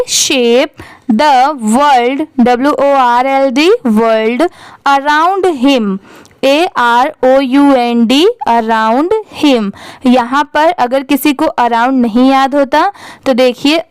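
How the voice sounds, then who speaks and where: High-voiced woman teaching slowly. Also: dry recording. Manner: spells words letter by letter, then blends the parts; asks the class questions and answers them herself. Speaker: English reading teacher. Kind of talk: step-by-step spelling lesson.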